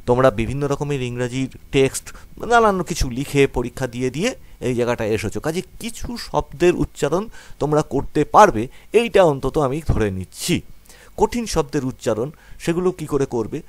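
Bengali-accented male tutor, animated pitch, dry close sound, patient step-by-step explainer. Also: no room sound. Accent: West Bengal Bengali. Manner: patient, breaks words down letter by letter; reads English lines slowly and deliberately. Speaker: teacher. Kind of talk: exam tutoring lesson for school students.

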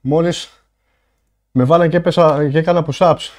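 A male livestreamer with a somewhat high voice, chatting casually with his viewers. He is out of breath and bursts into excited thanks for donations.

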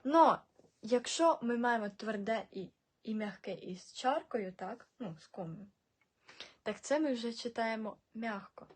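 A woman's voice: on the high side, expressive, a little slow, a little hiss or hum. A woman teaching a casual video lesson, explaining patiently, repeating example words and checking in with "right?" again and again. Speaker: Czech language teacher.

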